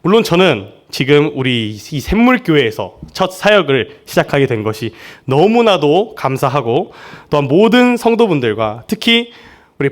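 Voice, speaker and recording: A young man from Seoul, a junior pastor preaching a church sermon in a friendly, joking way. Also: fairly high pitch. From Seoul, South Korea. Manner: friendly and joking, often laughing with the congregation. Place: church service.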